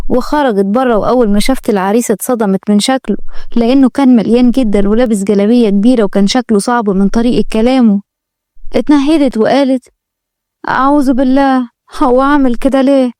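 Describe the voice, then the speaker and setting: A woman with an Egyptian accent telling a romantic story in a brisk, colloquial way. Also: on the high side, mellow, no echo, studio quality. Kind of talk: storybook narration.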